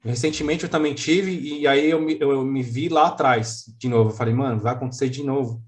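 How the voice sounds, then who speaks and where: A man's voice: mid-range voice, a little fast. A man from Brazil, a podcast guest, talking in an earnest, reflective way with frequent restarts and casual slang. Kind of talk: casual interview chat.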